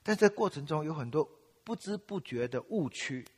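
A man's voice: a little high, expressive, moderate pace, slightly rough, in a large hall. An older man from Taiwan preaching, telling his own story with self-mocking humor and acting out his past prayers. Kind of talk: sermon with personal testimony.

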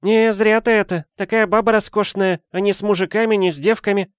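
A man's voice: high voice, steady tone, brisk, smooth, no echo, studio quality, voice pushed up, natural voice. A man doing a brassy, giggly young woman. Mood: teasing. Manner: teasing, crude and pushy.

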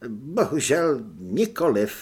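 A man's voice: medium pitch, very animated, slightly rough. A man doing an eager clever young soldier. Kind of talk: audiobook character voice.

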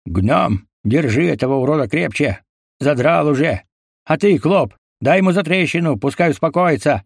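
A coarse, bullying male thug, barking orders and spitting threats in a dark action audiobook, as the narrator puts him on. His voice is rough and loud in the orders and grumbling when he sneers. The recording is dry and close. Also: a little high, lively intonation, normal speed, no room sound, voice pushed up. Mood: bossy. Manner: crude and bullying. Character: brutal, crude male thug, bossy and spiteful.

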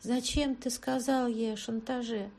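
A woman's voice: a little high, fairly even intonation, unhurried, darkish tone, pitched above the performer's own voice. A woman voicing a captive young woman who speaks in a weak, strained voice. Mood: defiant.

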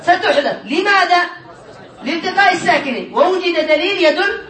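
A high-pitched male teacher giving a grammar lesson in a classroom. He quizzes students by name and keeps the pace brisk and teasing. His voice is picked up from a distance and rings around the echoey room. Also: animated, pushed and bright, a faint crowd. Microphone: distant room mic.

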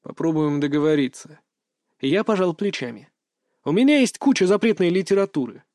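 Male audiobook reader, fairly high voice, dry close sound, brisk gruff edge. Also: sing-song, a little mellow, no echo. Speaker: audiobook narrator. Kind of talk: first-person fantasy audiobook narration.

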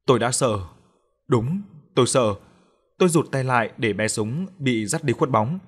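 Man calmly reading a horror story. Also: mid-range voice, moderate pace, slightly rough. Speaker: audiobook narrator.

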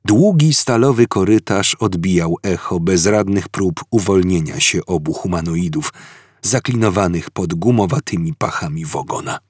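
A man narrating an audiobook in a lively, expressive reading. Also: sits low, moderate pace, husky, no echo, clean studio sound.

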